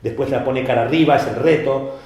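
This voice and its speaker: A middle-aged man, a magician co-hosting a podcast, explaining in a lively storytelling way with many fillers and repeated words. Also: medium pitch, fairly quick. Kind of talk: casual explanatory chat. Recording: very echoey room.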